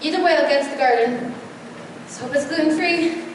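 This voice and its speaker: Woman as a high-voiced curious storybook girl. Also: brisk, close to an everyday voice. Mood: wry, pondering. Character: curious, outspoken storybook girl exploring a nonsense world. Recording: very echoey hall, distant mic, noisy.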